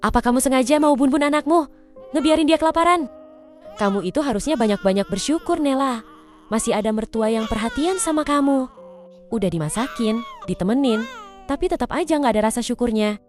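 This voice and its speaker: A woman's voice: sits high, animated, a little fast, faint music behind. A bossy, nagging older mother-in-law. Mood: scolding. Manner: scolding, domineering.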